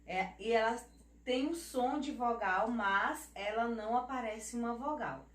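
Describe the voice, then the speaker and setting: A Brazilian woman teaches small children in a slightly high, gentle voice, stretching each word out slowly. She keeps checking in with tag questions and speaks with an affectionate, auntie-like manner. The sound is roomy and echoey, caught from some distance off the mic. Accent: Brazilian Portuguese. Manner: slow, drawn-out word spelling with tag questions; affectionate teacher talk, calls herself auntie. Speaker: primary school teacher. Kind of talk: children's lesson.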